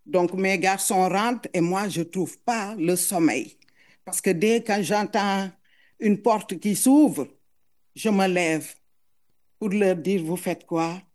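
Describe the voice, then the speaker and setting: A middle-aged woman with a foreign accent gives emotional public testimony as a mother. She speaks earnestly and haltingly, repeating words as she searches for them. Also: medium pitch, a little mellow. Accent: foreign accent in French.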